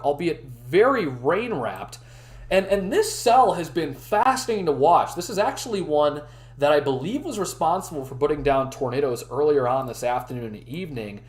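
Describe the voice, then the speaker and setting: A man hosting a live weather briefing stream, chatting with his viewers while his voice is going hoarse. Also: on the high side, a little mellow. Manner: chatty, talks to the live chat. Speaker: weather livestream host.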